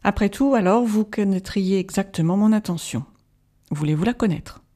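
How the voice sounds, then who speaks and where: A reader voicing an old male professor in an audiobook, solemn and measured, patiently pleading. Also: medium pitch, warm tone, natural voice. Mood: grave. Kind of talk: audiobook narration.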